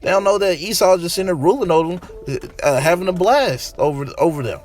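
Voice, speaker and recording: A man's voice: sits high, a little fast, a little mellow, faint music behind. A man preaching an informal sermon in a casual, slangy way, reading scripture and repeating his points.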